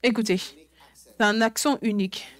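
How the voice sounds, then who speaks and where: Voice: medium pitch, fairly even intonation, measured pace, a bit bright, no room sound, soft background music. A French voice-over of a preacher, talking in a conversational way, often checking in with listeners and restating points. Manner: frequent check-in questions to listeners. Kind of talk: dubbed sermon, conversational preaching.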